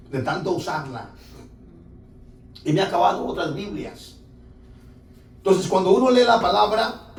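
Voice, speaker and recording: A man's voice: on the high side, slight background noise. A man, a pastor preaching a sermon in church, emphatic, drawing out his words and putting questions to the congregation. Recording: echoey church hall, voice from a distance.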